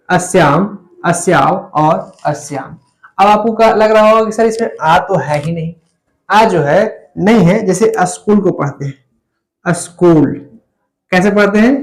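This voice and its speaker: A man teaching Sanskrit grammar in an online lesson, explaining step by step and repeating key words back to students as questions. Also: high voice.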